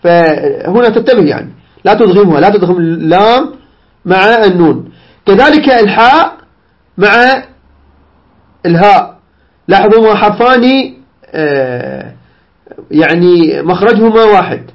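A man with a high voice gives a recitation lesson. He is sick, and his voice comes out strained. He repeats each example slowly and patiently, and the recording sounds dull and lo-fi. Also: lively intonation. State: unwell, voice strained. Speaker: Quran recitation teacher.

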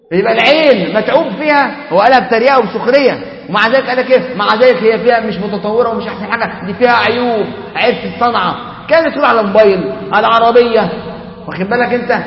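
A middle-aged man with an Egyptian Arabic accent preaching an animated, colloquial sermon in a mosque, full of rhetorical questions and asides. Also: extremely high pitch. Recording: echoey hall, dull lo-fi sound.

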